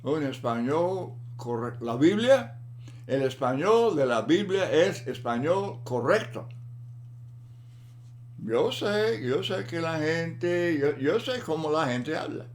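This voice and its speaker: A man giving a Bible lesson in a slow, deliberate manner, often repeating words for emphasis. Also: fairly high pitch, expressive, a little hiss or hum. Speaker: Bible teacher.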